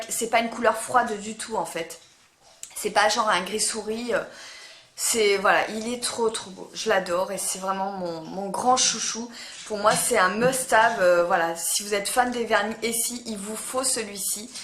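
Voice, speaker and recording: A woman's voice: a little high, pushed and bright. A woman vlogging casually to camera about nail polish, chatty and hesitant, often stumbling over her words. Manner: chatty, hesitant, full of "euh" fillers. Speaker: beauty vlogger. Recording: echoey room.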